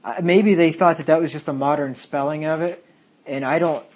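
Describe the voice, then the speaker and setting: A man's voice: fairly high pitch, steady tone, normal speed, darkish tone. A man, a pastor, teaching a Bible study sermon, reading King James verses aloud and explaining them.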